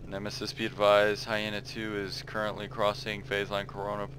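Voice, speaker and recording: A man's voice: fairly low pitch, completely flat delivery, normal speed, noisy background. A man acting as radio operator in a military simulation game, mixing procedural calls with casual chat, his phrasing somewhat hesitant.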